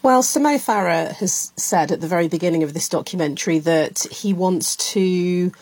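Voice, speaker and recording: A woman's voice: fairly low pitch, moderate pace, darkish tone, husky, no room sound. A female correspondent giving an earnest, explanatory radio news report. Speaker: community affairs correspondent.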